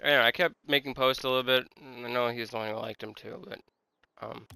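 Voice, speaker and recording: A man's voice: mid-range voice, steady tone, fairly quick, creaky, sharp tone, clean tone, no room sound, rough recording. A man of twenty-one talking casually and candidly while gaming, hesitant and self-deprecating as he searches for words. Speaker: gaming content creator. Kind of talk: casual, confiding talk over gameplay.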